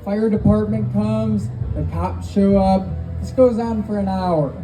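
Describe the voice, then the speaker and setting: A woman's voice: medium pitch, a little slow, music in the background. A woman telling stories as a first-time stand-up comedian at an open mic, in a conversational, profane way. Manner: profane, conversational, acts out quoted dialogue. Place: live open mic venue. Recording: noisy live recording, background ambience.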